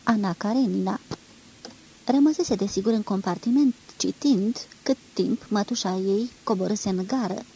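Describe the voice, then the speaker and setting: A woman reading a literary novel aloud in a measured, expressive storytelling manner. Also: mid-range voice, breathy edge, rough recording. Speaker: reader.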